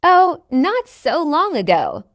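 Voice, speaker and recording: A friendly woman learner in a scripted practice dialogue, read by a woman. Her voice is high and lilting, with a wide swing in pitch. She speaks very slowly and shapes each word with care. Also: wildly swooping pitch, dry recording, clean studio sound, heavily acted. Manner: slow, carefully enunciated, each line said twice. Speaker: dialogue reader.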